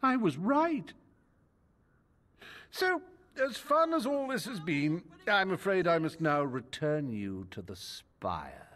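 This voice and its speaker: A man's voice: on the high side, very animated, slow pace, a bit bright, long reverb tail, exaggerated voice. An actor playing a vain, treacherous male rogue in a video game, speaking in a pompous, theatrical drawl. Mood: smug.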